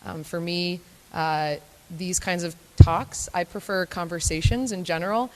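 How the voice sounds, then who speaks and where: A young woman speaks casually to a live audience, her voice sitting a little low. She rambles in a chatty, self-deprecating way, sprinkling in plenty of ums. Her voice trails off into a long echo around a large event hall. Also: fairly even intonation, measured pace. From Florida, United States. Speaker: guest speaker at a morning talk event. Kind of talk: conversational live talk to an audience.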